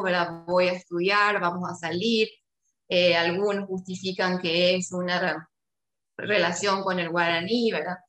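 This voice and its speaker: Paraguayan woman lecturing, lower voice. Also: a bit bright, roomy sound. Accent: Paraguayan Spanish. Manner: explanatory, frequent tag questions and fillers. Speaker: linguistics researcher. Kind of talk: academic seminar talk.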